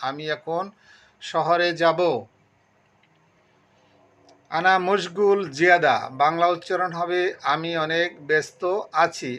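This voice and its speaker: A man's voice: fairly high pitch, bright, forceful tone. A man giving a phrase-by-phrase language lesson, methodically explaining each word and then repeating the full meaning. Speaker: language teacher.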